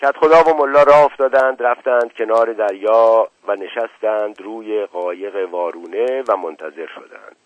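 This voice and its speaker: A man reads a story aloud for radio in a measured, unhurried way. His voice is low and husky. The recording is dull and lo-fi, with a dry, close sound. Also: no room sound. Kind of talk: scripted radio story narration.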